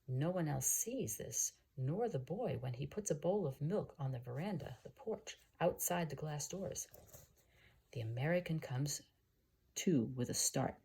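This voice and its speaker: A teacher reads a storybook aloud to her students from a script, her voice husky, low, and expressive. She explains as she goes, pausing to gloss words.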